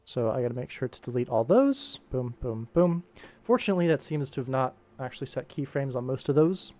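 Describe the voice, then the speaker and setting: A young man hosts a live work stream, rambling casually as he talks through his animation work. His mid-range voice is animated, fairly quick and a little mellow, with faint music playing behind him.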